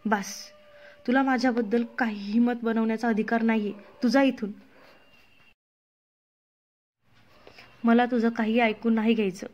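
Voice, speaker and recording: A woman's voice: a little high, flat delivery, normal speed, a little mellow, lightly acted. A woman voicing a hurt, defensive young woman. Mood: indignant. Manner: emotional, indignant, pleading.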